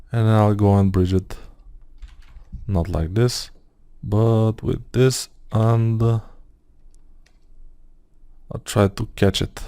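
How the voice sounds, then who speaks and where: Recorded dry at studio quality, a man with a low-leaning, mellow voice walks through a 3D modeling tutorial as he works on screen. Bulgarian-accented and not a native English speaker, he thinks out loud with hesitant fillers.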